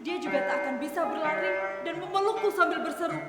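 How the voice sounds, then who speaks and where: A woman's voice: extremely high pitch, fast talker. A woman playing an anxious, stubborn woman of a grieving household in a theatrical dramatic reading, speaking insistently. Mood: anxious waiting. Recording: very echoey hall, loud music behind.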